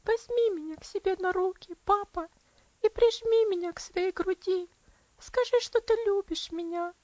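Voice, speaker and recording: A frail little girl's voice, high and thin, pleading weakly through tears, as a woman narrator puts her on. It rises well above the reader's own high register. The recording is dry and a bit dull. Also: moderate pace, a little mellow, dry recording. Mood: tearful pleading. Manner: pleading, tearful, weak. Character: frail, sickly little girl longing for father.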